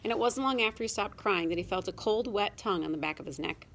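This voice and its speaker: Lady reading a kids story out loud, lively and expressive, pitch right in the middle. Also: quick pace, a little hiss or hum. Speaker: audiobook narrator. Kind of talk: storybook narration.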